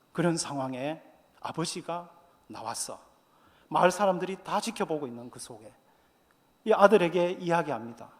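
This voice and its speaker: A man's voice: fairly high pitch, big-room sound. A man preaching a sermon as pastor, earnest and fond of rhetorical questions.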